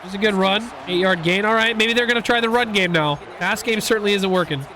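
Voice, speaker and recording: A young man giving casual, excitable commentary while playing a football video game, rambling and reacting loudly to big plays. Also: high voice, quick pace. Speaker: gaming YouTuber.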